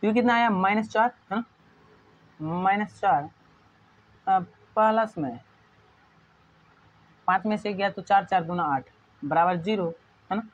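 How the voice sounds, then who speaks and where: A man's voice: high voice, unhurried, pauses often, highs cut off. A man teaching an exam-prep math lesson in a chatty, jokey way, constantly checking whether students follow.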